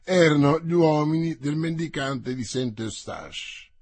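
A man narrating a novel aloud in a measured, theatrical way, as an audiobook reading for radio. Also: fairly high pitch, darkish tone, breathy edge, no room sound.

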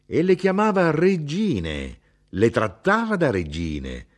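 A man reading the part of a blunt, indignant middle-aged mother who talks in a sharp, insistent way. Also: wildly swooping pitch, takes it slowly, full character voice. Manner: sharp, insistent, rising in pitch.

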